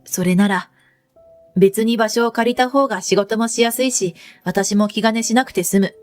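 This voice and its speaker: A woman narrating a first-person story in a calm, measured read-aloud style. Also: fairly high pitch, faint music behind.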